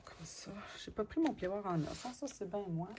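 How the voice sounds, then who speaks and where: A woman with a Québécois French accent teaching card making, murmuring half to herself as she works and slipping into soft asides. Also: medium pitch, expressive, normal speed, noisy background. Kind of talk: crafting tutorial narration.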